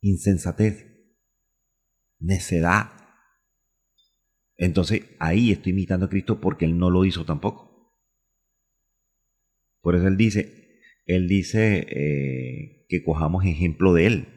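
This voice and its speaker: A man's voice: sits low, slow pace, pauses often, a little mellow, husky, in a large hall. A man from Colombia preaching a radio sermon, asking himself questions and repeating phrases for emphasis. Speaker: pastor.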